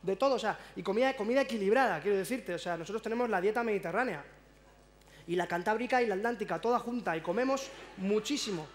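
A man's voice: sits high, quick pace. A man from La Rioja performing a stand-up monologue on stage, with stammered restarts, acting out characters in a raised voice. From La Rioja, Spain. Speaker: stand-up comedian. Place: stage at a public event.

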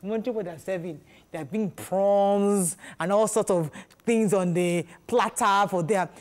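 A woman's voice: medium pitch, normal speed. Woman hosting a studio panel. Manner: animated, gestures while talking, acts out quoted voices. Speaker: talk show host. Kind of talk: casual panel discussion. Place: TV studio set.

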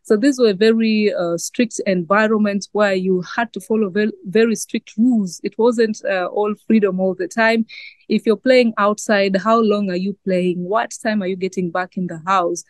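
A young Ugandan woman journalist, appearing as a guest over a video call from outdoors by a garden, answers interview questions thoughtfully with plenty of fillers. She has a Swahili-influenced East African accent and a mid-range voice, speaking at a moderate pace in a steady tone with no echo.

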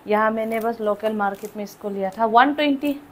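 A woman's voice: fairly high pitch, brisk. A young woman vlogging casually from her small room at home, chatting to viewers and mixing English words into her speech. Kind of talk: casual vlog chat.

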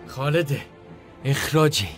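A dubbing actor voicing a volatile man of the house who shouts and repeats himself in bursts, in a dubbed TV drama. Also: medium pitch, animated, faint music behind, close to an everyday voice. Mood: furious. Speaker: husband of the new lady of the house.

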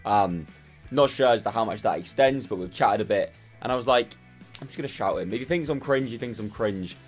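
A man in his twenties with a tired, hoarse voice, talking casually to camera indoors. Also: fairly low pitch, fairly quick, soft background music. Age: 20s. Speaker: football vlogger. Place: small furnished room indoors.

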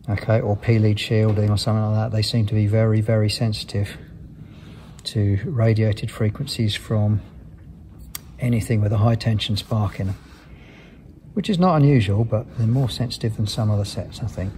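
Recorded on a hand-held device with some noise, a man with a fairly low, dark voice works through a repair step by step. He's an aircraft maintenance engineer presenting the video, thoughtfully explaining his actions in unscripted technical commentary.

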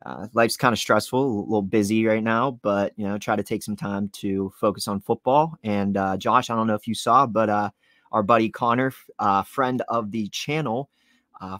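A man's voice: on the low side, fairly bright tone, no room sound. A young man in his twenties co-hosting a sports podcast, rambling easygoing chat full of "like" and "you know". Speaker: podcast co-host.

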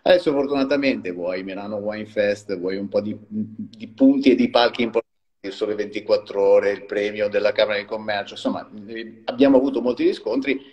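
A man's voice: fairly low pitch, brisk, darkish tone, in a large hall. A man, founder of a small wine company, explaining his business in a chatty live-stream interview and laughing often. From Liguria.

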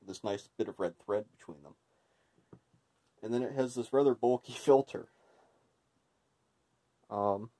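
A man with a fairly low, very relaxed and dark voice talks through a product as he handles it. He is casual and a little hesitant, working things out aloud as a reviewer would. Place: indoor room with tiled floor.

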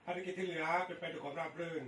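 Guy doing brisk radio operator talk, highish voice, roomy and kinda far from mic. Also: fairly even intonation, fairly bright tone. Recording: echoey, distant mic, faint noise.

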